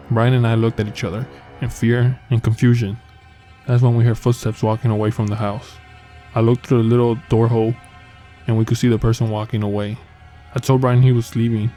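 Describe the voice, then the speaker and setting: A man narrating true horror stories in a calm, even storytelling manner. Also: on the low side. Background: faint background music.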